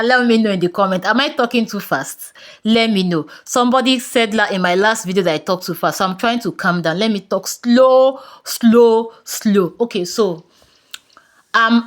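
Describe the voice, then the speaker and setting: A woman with a Nigerian accent giving a brisk, chatty soap-making tutorial and talking straight to her viewers. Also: on the high side. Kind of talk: casual tutorial talk.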